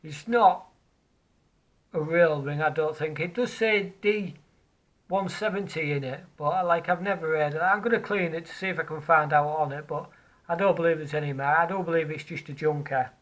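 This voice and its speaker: A man's voice: on the high side, moderate pace, fairly bright tone, low-quality recording. Hesitant man musing over beach finds. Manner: musing, hesitant, repeats words while looking at finds. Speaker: metal detecting vlogger. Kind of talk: casual commentary on finds. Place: outdoors on a beach.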